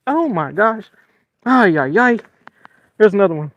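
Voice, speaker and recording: A man's voice: high-pitched, unhurried, dry recording, dull audio. A man hosting a fishing live stream, chatting casually, joking with his chat and laughing often. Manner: excitable, laughs a lot, jokes with chat. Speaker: fishing livestream host. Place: outdoors on a boat at sea.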